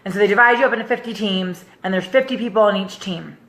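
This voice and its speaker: A young woman coach telling a personal story to camera in a casual, animated way. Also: mid-range voice, fast talker. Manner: animated, chatty, acts out others' voices. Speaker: life coach. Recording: echoey room.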